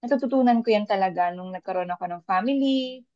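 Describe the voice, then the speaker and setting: A woman shares her experience as a working mother in an unhurried podcast conversation, often pausing and restarting her thoughts. The sound is dry and dull, like a lo-fi mic. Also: medium pitch, dark tone, dry recording. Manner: thoughtful, mixes Tagalog and English, many restarts. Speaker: panel guest; working mother of young kids. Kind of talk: casual reflective podcast chat.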